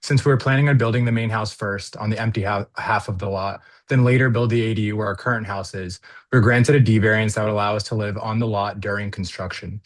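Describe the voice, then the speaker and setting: A man speaking over a video call as an applicant at a hearing, reading a prepared statement in an earnest, halting way with fillers. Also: on the low side, fairly even intonation.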